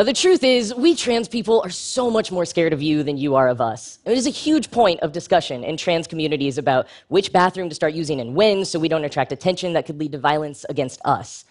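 Giving a scripted public talk, a man comes across as dryly funny and straightforward. He stresses key moments with spirited leaps in pitch.

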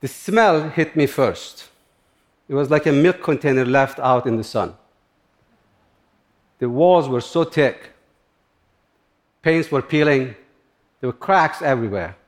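A middle-aged man from Turkey, speaking halting in short phrases as he tells a personal story on stage. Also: mid-range voice, expressive. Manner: plain, halting non-native English with short phrases. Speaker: speaker giving a talk.

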